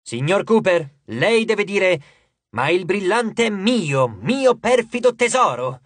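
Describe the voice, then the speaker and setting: A man's voice: high voice, sing-song, slow, no room sound, voice pushed up, exaggerated voice. A man voicing a cheeky, theatrical schoolboy who plays director, with a hammy, bossy delivery. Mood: theatrical, imperious.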